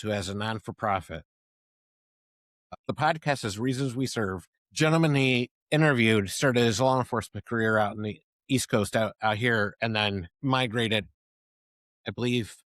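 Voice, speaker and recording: A middle-aged man hosting a conversational podcast, rambling with restarts and giving enthusiastic shout-outs. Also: lowish voice, dry recording. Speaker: podcast host.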